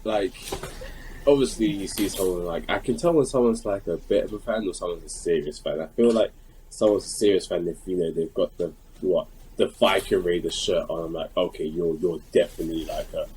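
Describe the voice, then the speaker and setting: A man from South London with a South London accent, co-hosting a podcast, telling stories in a rambling, animated way with many restarts. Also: sits low, fairly quick, a little hiss or hum, rough recording. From England. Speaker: podcast co-host. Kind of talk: casual chat.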